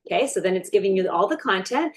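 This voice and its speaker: A woman coaching online sellers in a casual, unscripted screen-share tutorial, chatting freely with fillers and restarts and slowing right down whenever she dictates a prompt. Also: medium pitch, animated.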